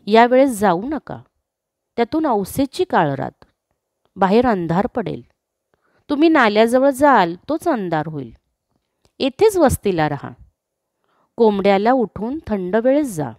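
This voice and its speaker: A woman's voice: medium pitch, sing-song, unhurried, pauses often, a little mellow, no echo, clean studio sound. A woman voicing a worried old village woman who pleads with a traveller and cries out for help, in a storybook reading. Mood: urging.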